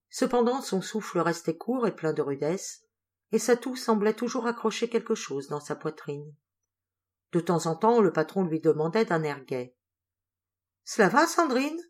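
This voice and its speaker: Calm woman reading a novel aloud. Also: on the low side. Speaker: audiobook reader. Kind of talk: literary audiobook narration.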